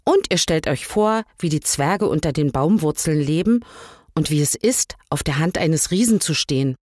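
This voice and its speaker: Grandma reading as a little fat old king, slow and musing, low voice, storybook. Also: lively intonation, darkish tone, no echo, clean studio sound. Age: older. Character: tiny fat old male king who shrinks with age, wistful and wise.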